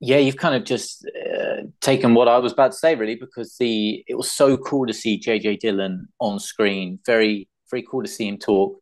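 A man's voice: mid-range voice, fairly even intonation, moderate pace, hardly any pauses. A man chatting as a podcast guest, enthusiastic but hesitant, with many fillers. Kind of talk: casual chat.

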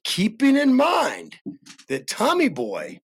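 A high-voiced man with a husky, gravelly edge hosts a casual football chat show. He jokes loudly and laughs a lot while he quizzes his co-hosts. His pitch swings widely. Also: wildly swooping pitch, takes it slowly. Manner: loud, joking, laughs a lot. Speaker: podcast co-host running trivia. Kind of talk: casual banter.

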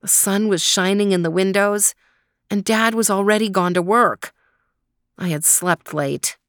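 Slow, gentle woman reading a story. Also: mid-range voice, no room sound, clean studio sound. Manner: calm, gentle, drawn-out reading. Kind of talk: reading a children's story aloud.

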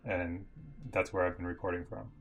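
A man from the United States with a very deep voice speaks as an interview guest. He talks thoughtfully, pausing and restarting as he explains his reporting. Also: flat delivery, vocal fry, dull audio, faint music behind. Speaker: photojournalist.

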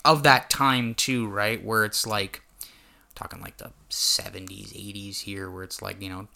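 A man's voice: lowish voice, little pitch movement, a little slow, vocal fry, pushed and bright. A young man chatting as a podcast guest, rambling with lots of restarts and frequent swearing. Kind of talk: casual chat.

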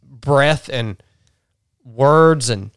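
A man's voice: medium pitch, extremely slow, clear, resonant tone, no echo, clean studio sound. A man hosting a podcast, ranting bluntly and restarting his sentences. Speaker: podcast host. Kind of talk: casual chat.

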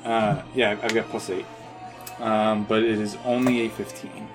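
A man's voice: lowish voice, flat delivery, measured pace. Hesitant male game player over music. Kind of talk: casual game talk.

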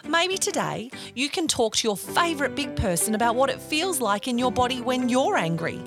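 A woman's voice: high voice, sing-song, moderate pace, over music. A woman hosting a children's podcast, talking to young kids in a gushing, encouraging, sing-song way. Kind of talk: talking to young children, guided feelings exercise.

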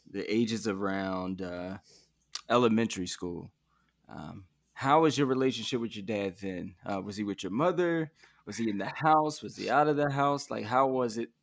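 A man hosting a conversational interview, gently prompting his guest with questions, with fillers along the way. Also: medium pitch. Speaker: interview host.

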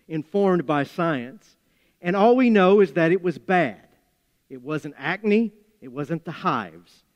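A male preacher with an Appalachian accent delivers a sermon in a somewhat high voice. His phrasing is deliberate and emphatic, with folksy storytelling touches. The sound carries the long reverb of a large hall. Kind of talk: sermon with scripture reading and storytelling.

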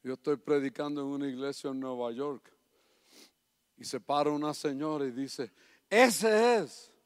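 A man preaching a sermon, moving between quiet personal stories and loud, impassioned appeals. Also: medium pitch, little pitch movement, normal speed, clean tone. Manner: swings from soft storytelling to loud impassioned preaching.

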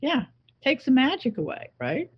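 A woman's voice: high voice, sing-song, normal speed, husky, lo-fi sound. A woman speaking as a coach and interview guest, teaching conversationally in an emphatic, reflective way with repeated phrases.

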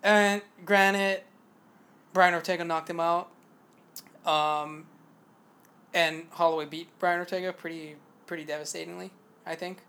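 Male podcast co-host, fairly high voice, rambling casual fight talk full of fillers. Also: fairly even intonation, measured pace, long pauses, pushed and bright. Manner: rambling, hesitant with many fillers. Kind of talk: casual sports chat.

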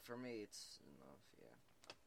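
A young man chatting casually in a laid-back, halting way with frequent restarts. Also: rumbling low, very animated, creaky, fairly bright tone, breathy edge. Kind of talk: casual chat.

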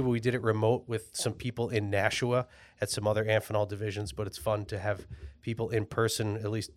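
A man hosting a podcast, interviewing guests in a relaxed, joking way. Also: fairly low pitch. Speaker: podcast host. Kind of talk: casual interview.

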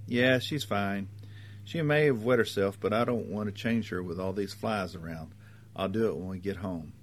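A man voicing an irritable, sick young mother who complains and turns shrill when she shouts. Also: normal speed, slight background noise, natural voice. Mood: complaining.

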